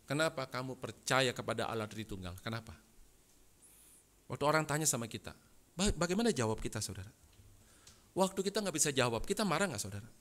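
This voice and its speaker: A man preaching a sermon as pastor, swinging from loud bursts to soft asides and often addressing the congregation directly. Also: medium pitch, animated, quick pace. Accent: Indonesian.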